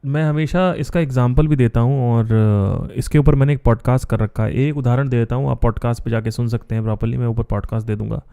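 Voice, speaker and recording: Mellow-voiced man explaining a clip. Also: mid-range voice, steady tone, fairly quick, vocal fry, few pauses, clear, resonant tone. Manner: explains through everyday examples, hesitant fillers. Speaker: host reacting to a clip. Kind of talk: reaction commentary.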